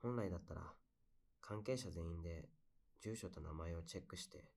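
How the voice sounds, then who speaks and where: A male voice actor gives a low-pitched young man a tender, wistful tone as he shares memories in a bedside audio drama. He speaks softly at normal speed with vocal fry, intimately, as though to a single close listener.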